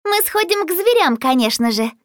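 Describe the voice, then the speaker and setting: A woman voicing an enthusiastic young girl who loves animals, speaking in a high, sing-song, excited way. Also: normal speed, no room sound, studio quality. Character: enthusiastic curly-haired girl, animal lover.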